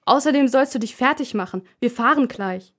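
A woman voicing an annoyed mother who scolds her children in a loud, raised voice. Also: sits high, fairly quick, voice pushed up. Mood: scolding.

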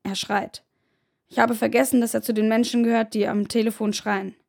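A woman narrating a first-person story in a steady, measured audiobook reading. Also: fairly high pitch, gravelly.

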